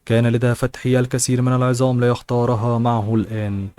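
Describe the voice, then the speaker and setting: A man reading a novel aloud as an audiobook narrator, in a steady, even delivery with occasional restarts. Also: mid-range voice, fast, clean tone.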